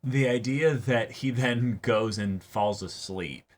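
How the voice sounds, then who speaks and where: Co-hosting a casual anime reaction show, this man talks slowly in a medium-pitched voice. He rambles, often repeats his phrases, and acts out quoted dialogue.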